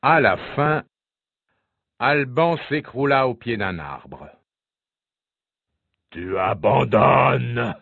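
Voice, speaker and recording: Male storybook narrator, slow and expressive, tinny sound. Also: medium pitch, no echo. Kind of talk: storybook read-aloud. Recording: tinny phone-like sound, faint music.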